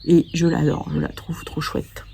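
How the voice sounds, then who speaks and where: A woman's voice: low-pitched, monotone, measured pace, gravelly, dark tone, slight background noise. Chatty woman rambling with fillers. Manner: chatty, hesitant with many fillers, laughing asides. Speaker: craft vlogger. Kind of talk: casual knitting vlog chat. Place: outdoors on a walk, sunny day.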